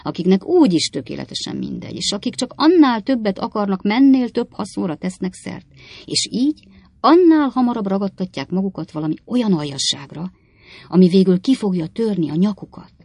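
A man reading an audiobook, voicing an elderly lawyer who pleads at length in a measured, persuasive way. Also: sits high, sing-song, a little mellow, no room sound, voice pushed up, heavily acted. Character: scheming elderly male lawyer giving advice.

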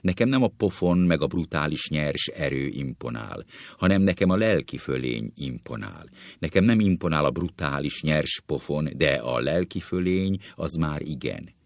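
A pompous male writer rants in an indignant, swooping voice, and it rises and drops wildly as he gets carried away, as a man puts him on in a comic play reading. The voice sits very deep and gravelly, close and dry. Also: lively intonation, no room sound. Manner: indignant ranting that collapses into nervous tittering. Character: vain, cowardly male writer boasting of spiritual superiority.

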